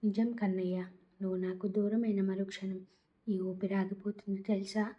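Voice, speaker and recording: A woman's voice: medium pitch, little pitch movement, normal speed, highs cut off, lightly acted. A woman voicing a drunk, lovesick young woman who pleads in a slurred, giggly way. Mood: pleading. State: tipsy.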